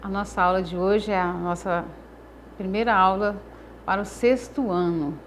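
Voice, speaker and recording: Woman, Brazilian accent, teacher, slow deliberate syllables, mid pitch, faint background hiss. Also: steady tone. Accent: Brazilian Portuguese. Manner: slow, stresses syllables, repeats phrases. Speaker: Portuguese teacher. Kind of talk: recorded class lesson.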